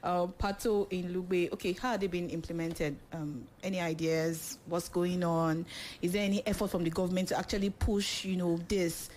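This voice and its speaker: A woman hosting a radio talk show, laughing often and filling pauses with "um" while she reads out listeners' questions. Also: on the low side, little pitch movement, darkish tone, slight background noise. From Nigeria. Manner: laughs often, many fillers. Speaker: host.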